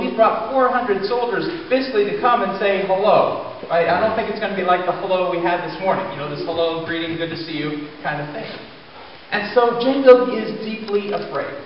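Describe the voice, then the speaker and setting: A man's voice: sits high, slight background noise. A man preaching a sermon, retelling a Bible story in casual everyday words and asking the congregation questions. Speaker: pastor. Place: church sanctuary. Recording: echoey hall, distant mic, dull sound.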